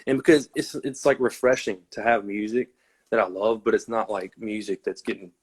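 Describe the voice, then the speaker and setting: A man's voice: fairly low pitch, steady tone, a little fast, a little mellow, slightly rough. A man calling into a livestream as a fan, talking earnestly and rambling with lots of fillers. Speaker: fan caller. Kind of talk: casual chat. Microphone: joining a phone livestream.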